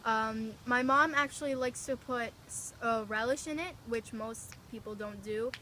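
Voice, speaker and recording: A woman's voice: on the high side, a little slow, pushed and bright, a little hiss or hum, rough recording. Casual young woman interviewee. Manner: casual, with fillers.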